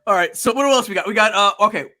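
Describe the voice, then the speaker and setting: Fast, bright-voiced male host. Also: sits high, lively intonation. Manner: fast, upbeat, repeats himself. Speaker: show host. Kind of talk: casual chat.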